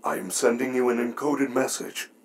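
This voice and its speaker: Freddy, a man voicing a gentle care robot. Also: medium pitch, normal speed, creaky, a little hiss or hum, lightly acted. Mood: concerned. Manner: calm, courteous, formal machine phrasing. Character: gentle, polite male caretaker robot mascot. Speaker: game character.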